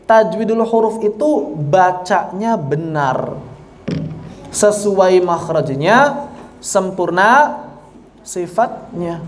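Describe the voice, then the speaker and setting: A man teaching an online tajwid lesson, explaining slowly and deliberately with repetition. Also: high-pitched, a little hiss or hum. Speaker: Quran recitation teacher.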